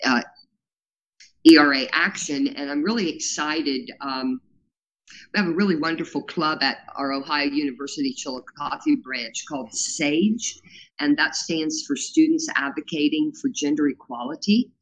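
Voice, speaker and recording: The poor audio captures a woman organizer with a low, slightly bright voice, speaking at a moderate pace. She rambles earnestly in the casual interview, using plenty of fillers and a strong, powerful voice.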